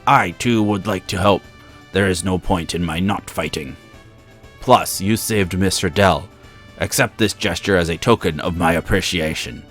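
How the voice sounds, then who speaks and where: A man's voice: low voice, normal speed, fairly bright tone, faint music behind. A man voicing a loyal, solemn hulking warrior from a video game, speaking stiffly and formally. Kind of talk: video game dialogue read-aloud.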